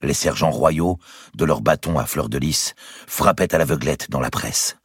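A man narrating a historical novel as an audiobook, in a measured storytelling manner. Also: a bass voice, slightly rough, no room sound, clean studio sound.

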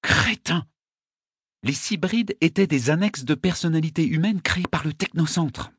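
A man reading an audiobook, voicing a sharp, commanding noblewoman who interrogates a prisoner, in a husky falsetto. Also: moderate pace, dry recording, clean studio sound. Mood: urgent. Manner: imperious, urgent questioning. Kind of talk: audiobook character voice.

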